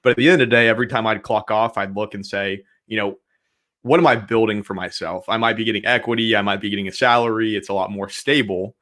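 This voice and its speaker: A man's voice: on the low side, steady tone, fast talker, a bit bright. A man from Oklahoma, a guest on an interview show, answering in an easygoing way and laughing along. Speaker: guest, marketing consultant.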